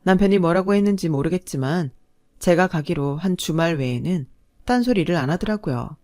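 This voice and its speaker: A woman's voice: on the low side, expressive, a little fast, dark tone. A woman narrating a first-person family story with an indignant, emphatic manner.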